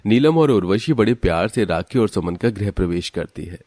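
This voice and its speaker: A man narrating a cartoon story in a steady, matter-of-fact way. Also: on the low side, normal speed, dry recording, studio quality.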